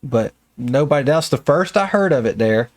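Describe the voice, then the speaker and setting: A man with a Southern American accent talks through his stories in a plainspoken, colloquial way. His voice sits at an ordinary middle pitch. The sound is dry and close, with no room echo. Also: expressive, normal speed. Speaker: staffing business owner. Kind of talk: casual storytelling interview.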